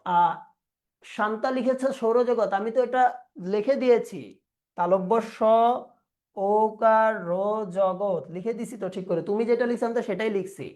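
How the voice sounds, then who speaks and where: A man's voice: sits high, a little mellow. Male teacher drilling pronunciation. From Bangladesh. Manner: slowly drills word pronunciations, repeating words; quizzes students and reads their chat replies. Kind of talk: online revision class. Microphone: video call.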